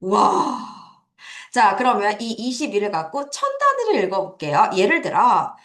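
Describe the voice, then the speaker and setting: A woman's voice: mid-range voice, big pitch swings, normal speed, fairly bright tone, roomy sound. A woman teaching English number words to children in a recorded lesson, asking questions and answering them step by step. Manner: explains step by step with quiz questions to students. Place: classroom at an academy.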